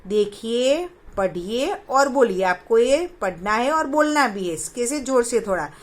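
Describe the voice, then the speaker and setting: A woman's voice: a little high, animated, measured pace. A woman primary school teacher, sounding out Hindi letters syllable by syllable for young children and quizzing the class, mixing English words into her Hindi.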